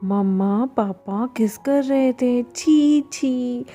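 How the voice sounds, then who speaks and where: A woman's voice: a little high, extremely slow, warm tone, faint music behind. Woman doing cheeky teasing little kids. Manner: teasing, chanting. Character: cheeky little boy and girl teasing together.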